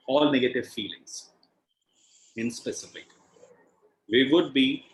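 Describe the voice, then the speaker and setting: A man with an Indian accent and a bright-ish, mid-range voice hosts a healing session as an instructor on an online call. He explains things didactically, often checking in with a questioning "right?". The video-call audio sounds echoey, as if in a reverberant room.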